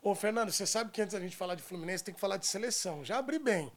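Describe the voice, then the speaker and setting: A Brazilian man with a high-pitched voice hosts a relaxed sports interview. He is effusive and chummy with his guests, talking to them like old friends. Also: fast talker. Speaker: show host. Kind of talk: casual sports interview chat.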